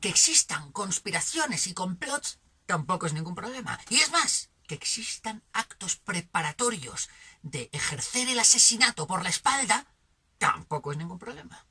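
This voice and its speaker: Dramatic Spanish man with a bright voice. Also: sits high, sing-song, normal speed, breathy edge. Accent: Spanish from Spain. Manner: dramatic, swinging from emphatic bursts to hushed near-whispers. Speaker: channel host. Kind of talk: philosophical monologue.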